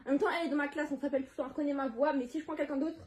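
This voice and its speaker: Teen girl vlogger, high and chatty, excitable, casual talk to camera. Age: teens. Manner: chatty, excitable, quick to laugh. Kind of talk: casual prank-call vlog.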